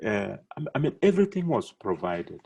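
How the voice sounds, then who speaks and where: A man from Kenya, a church council worker, explaining things in measured interview answers. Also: fairly low pitch, sing-song, gravelly, dark tone, breathy edge.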